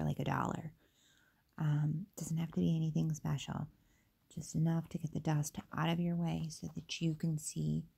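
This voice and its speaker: Her voice low-pitched and dark, with a slight rasp from being sick, a young woman casually talks through a nail tutorial. She fills it with frequent fillers and asides.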